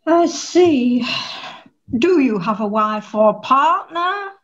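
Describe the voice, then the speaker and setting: Woman as a high-voiced brusque job centre clerk. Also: expressive, takes it slowly, muffled recording. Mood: businesslike. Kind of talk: pantomime sketch acting.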